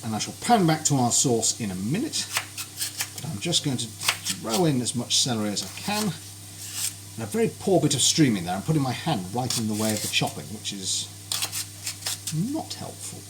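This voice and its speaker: A man with a medium-pitched, very animated voice chats cheerfully and politely at a moderate pace while cooking on a live stream in his home kitchen, greeting viewers by name. Kitchen noise and sizzling frying fill the background.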